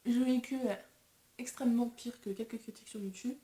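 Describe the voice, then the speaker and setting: A woman's voice: on the high side, fairly even intonation, fairly quick, warm tone, reverberant. A young woman vlogger chatting casually and self-deprecatingly while testing makeup. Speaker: beauty vlogger. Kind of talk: casual chat.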